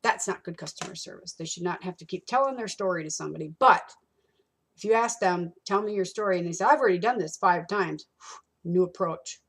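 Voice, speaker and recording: A woman's voice: fairly low pitch, a little fast. A middle-aged woman teaching a college course, talking casually through a textbook chapter and acting out customer exchanges. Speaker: college instructor. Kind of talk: recorded lecture walking through a textbook.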